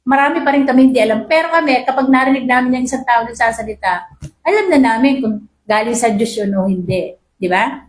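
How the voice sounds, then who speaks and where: A woman's voice: a little high, fairly quick. A woman preacher giving a sermon to her congregation, often asking them for agreement and mixing in English Bible quotes. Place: church hall. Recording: roomy echo.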